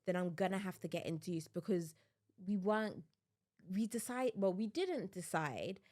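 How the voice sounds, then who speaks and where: Young woman, podcast co-host, casual chat, animated storytelling, laughs a lot. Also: fairly low pitch, normal speed. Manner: lively storytelling, laughs often.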